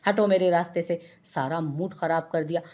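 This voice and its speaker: A young woman with a short fuse, scolding and threatening in an irritated tone, as a woman reads her lines. The voice is a little low. It is part of a narrated audio story. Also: fairly even intonation, normal speed, darkish tone, lightly acted. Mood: annoyed. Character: hot-tempered young woman, easily annoyed.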